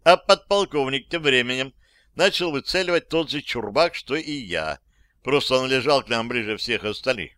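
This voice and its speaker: A man's voice: mid-range voice, expressive, moderate pace, sharp tone, no room sound. A man narrating a first-person audiobook in a wry, dry storytelling manner.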